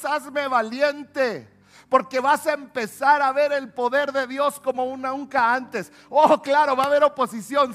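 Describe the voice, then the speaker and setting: A man preaching a sermon, swinging between loud emphatic calls and low hushed asides.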